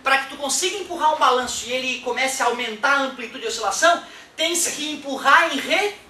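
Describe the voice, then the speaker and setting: A man teaching a casual music lesson, animated and chatty, often checking in with his listeners. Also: very high voice, fast talker, a little hiss or hum. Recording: roomy echo from a distant mic.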